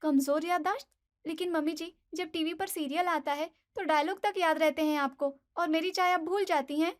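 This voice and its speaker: A woman's voice: extremely high pitch, steady tone, normal speed, pitched above the performer's own voice. A woman voicing a weary young daughter-in-law who mutters grumbling asides to herself. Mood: polite.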